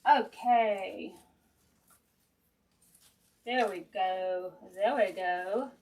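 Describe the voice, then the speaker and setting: A woman's voice: medium pitch, drawn-out words, darkish tone. A woman with a Southern American accent hosts a casual craft livestream from home. She talks in a folksy, chatty way, addressing viewers directly and musing aloud as she works with her hands. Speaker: craft maker hosting a live stream. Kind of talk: casual crafting livestream chat, thinking aloud while working. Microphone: sensitive live-stream camera mic.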